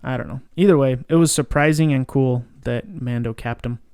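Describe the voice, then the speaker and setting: A man co-hosting a casual fan discussion podcast, enthusiastic and quick to laugh, often trailing off mid-thought. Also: mid-range voice, a little mellow, smooth, dry recording, studio quality. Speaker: podcast co-host.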